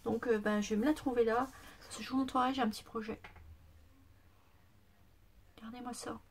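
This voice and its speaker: A craft vlogger shows off gifts she received in a casual unboxing chat to camera, gushing, exclaiming, and sometimes dropping to a whisper as she loses her voice. Her voice is a little high, with fairly even intonation and a moderate pace, and there is slight background noise.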